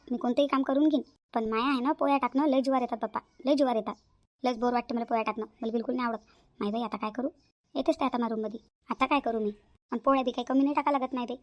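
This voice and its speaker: A woman's voice: fairly high pitch, close to an everyday voice. A woman doing a whiny, sly young wife. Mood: grumbling. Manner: whiny, drawling, wheedling. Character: lazy scheming young woman feigning illness.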